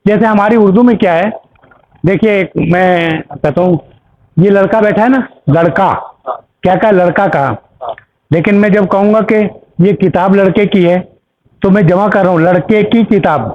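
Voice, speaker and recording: High-voiced teacher on a tinny line. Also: male voice, moderate pace. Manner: patient, explains step by step with examples and checks. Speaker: Arabic teacher. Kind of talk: classroom explanation. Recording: tinny phone-like recording.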